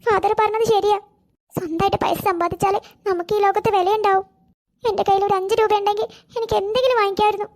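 A woman's voice: steady tone, fast. A woman voicing a hungry, sad little girl in a cartoon, speaking in a plaintive, childlike way. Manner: high childlike voice, plaintive and self-pitying. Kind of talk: cartoon voice acting.

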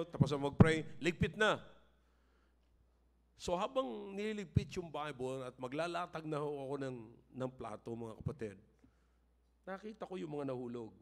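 This sermon comes from an older man with a Filipino accent and a medium-pitched voice. As a pastor, he shifts from emphatic, raised-voice pleas to relaxed storytelling about his own life.

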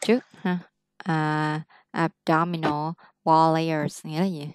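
A woman's voice: low-pitched, level tone, takes it slowly, smooth, no room sound. A woman tutoring English one-on-one, patiently correcting pronunciation and explaining words.

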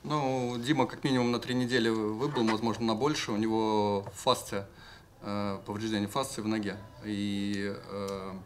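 A man's voice: on the low side, slight background noise. A man moderating a press conference and translating the coach's remarks in a businesslike way with fillers. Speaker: press officer and interpreter. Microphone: table mic.

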